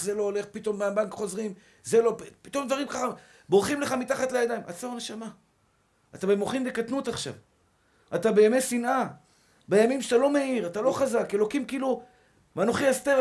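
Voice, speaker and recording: A male rabbi giving a sermon in an emphatic, rousing way, repeating short rallying calls. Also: high-pitched.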